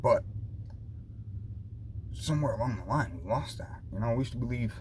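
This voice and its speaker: A man's voice: mid-range voice, animated, normal speed, a little mellow. A man chatting casually to viewers in a loose, rambling way, often repeating himself. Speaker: vlogger. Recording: noticeable background noise.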